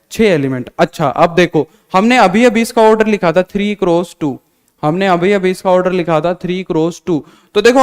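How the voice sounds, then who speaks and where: A man's voice: high voice, clear, resonant tone, long reverb tail. A male maths teacher giving a live online lesson, drilling students with repeated questions and answers. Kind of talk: live online class lecture.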